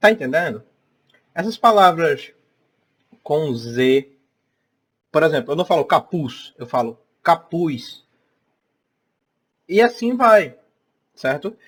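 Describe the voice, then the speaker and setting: A young male teacher with a Northeastern Brazilian accent gives a relaxed online lesson, stopping often to check that his students follow. His voice sits a little higher than most men's. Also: unhurried, pauses often, breathy edge. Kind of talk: recorded online class.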